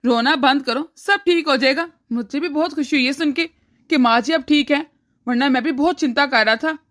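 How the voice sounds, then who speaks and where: A woman voicing a caring, agreeable young husband in a cartoon story, speaking in a gentle, reassuring way. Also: high voice, normal speed. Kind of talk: cartoon voice acting.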